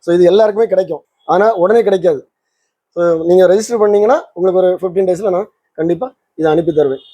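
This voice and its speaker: A channel host and electronics maker demonstrates a kit in a casual product demo, explaining as he goes and slipping English words into his speech. His high-sitting voice is quick, mellow, and slightly rough, with no echo.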